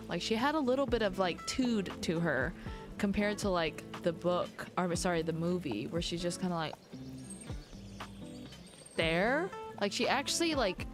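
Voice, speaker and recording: Woman, gaming streamer, casual chat, rambling, lots of fillers, game music behind. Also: medium pitch. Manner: rambling and chatty, many "like"s. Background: game background music.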